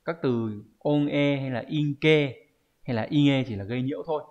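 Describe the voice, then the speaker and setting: A Japanese teacher with a Vietnamese accent and a darkish, mid-range voice explains exam answers at a measured pace during an online lesson. He keeps asking viewers rhetorical questions to confirm. The sound is lo-fi.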